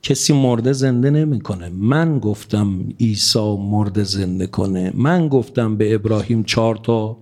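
A man voicing God in a sermon, in a low, hushed and emphatic voice. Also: hardly any pauses. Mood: solemn, emphatic. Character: God speaking, solemn, commanding male voice.

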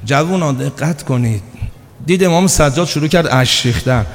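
A man preaching a sermon, telling stories and acting out the dialogue, with swings between loud urging and hushed, low asides. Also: lively intonation. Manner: storytelling, acting out quoted dialogue. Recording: long reverb of a large hall.

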